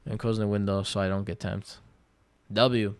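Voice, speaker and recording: A twenty-year-old man livestreaming, reading viewer questions aloud and answering in relaxed, slangy chat full of fillers. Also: on the low side, moderate pace, clear, resonant tone, no echo. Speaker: day-trading livestreamer.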